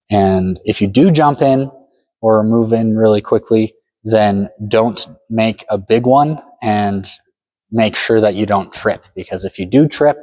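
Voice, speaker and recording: A man's voice: fairly low pitch, a little mellow. A man giving a step-by-step demonstration lesson as a fencing instructor, matter-of-fact and full of directions.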